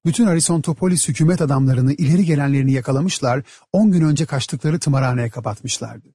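A man narrating a satirical story as an audiobook, in a steady, measured storytelling manner. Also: mid-range voice, husky, no echo, clean studio sound.

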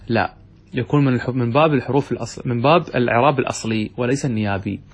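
A man's voice: mid-range voice, slightly rough. A man teaching Arabic grammar in a lesson, reading a classical text aloud and explaining it by asking questions and answering them himself.

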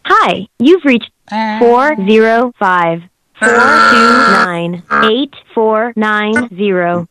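A woman's recorded voicemail greeting heard over a landline phone, reading out the number slowly and evenly. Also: fairly high pitch, animated. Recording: loud hissy phone line from afar.

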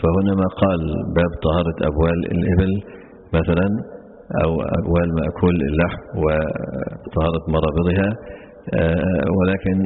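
A very low, flat-voiced man gives a lesson on a classical religious text, moving quickly through his explanations and pausing on many "aah" fillers. His voice comes through a tinny, phone-like recording with faint hiss behind it. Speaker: Islamic scholar teaching hadith commentary.

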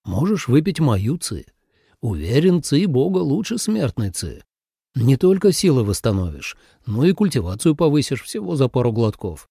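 A man voicing a calm, patient young male god who speaks in a subdued, measured way. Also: medium pitch, creaky, slightly rough, no echo, clean studio sound, full character voice.

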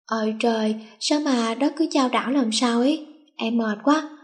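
A woman's voice: on the high side, moderate pace, lightly acted. A woman voicing a cunning teenage schoolgirl who bosses her friends and plays sweet to get her way. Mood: sassy. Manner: bossy, mock-sweet when acting.

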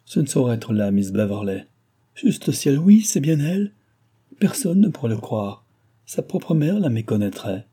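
A man's voice: medium pitch, big pitch swings, moderate pace, dark tone, breathy edge. A man voicing a distraught young woman who pleads and sobs at a sick friend's bedside. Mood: anguished. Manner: pleading, sobbing, exclamatory.

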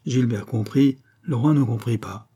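Guy reading a novel aloud, dark husky voice, steady. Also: mid-range voice, moderate pace. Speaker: audiobook reader.

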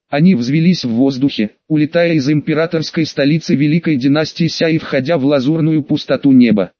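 Male audiobook narrator, steady reading, slightly high pitch, dull dry lo-fi sound. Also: dry recording. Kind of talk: scripted narration.

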